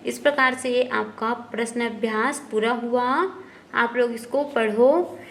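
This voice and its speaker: A woman teacher slowly going through textbook exercises, often asking a question and then answering it herself. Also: on the high side, steady tone, vocal fry. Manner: slow, explanatory, often asks and answers herself. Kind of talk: textbook lesson walkthrough.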